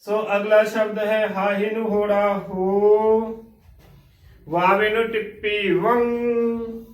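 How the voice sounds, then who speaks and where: A man's voice: high voice, flat delivery, very slow, reverberant, distant mic. A man with a Punjabi accent teaching correct pronunciation of scripture, patiently spelling words letter by letter and repeating the right form. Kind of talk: recorded instructional lesson.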